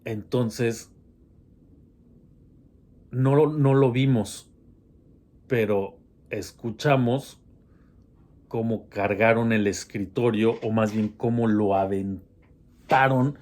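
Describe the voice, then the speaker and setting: A man's voice: mid-range voice, slow, long pauses, darkish tone. A man telling a personal horror story in a casual, hesitant way, with many restarts.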